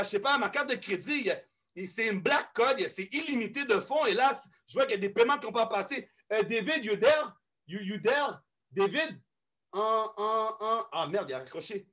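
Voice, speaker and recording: Quebec guy with a worn-down accent, high bright voice, hyping up his team, swears a lot. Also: lively intonation, normal speed, breathy edge. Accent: faded Quebec French. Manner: mixes English phrases, urging and pleading; swearing, emphatic. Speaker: network marketing leader. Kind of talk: live motivational call.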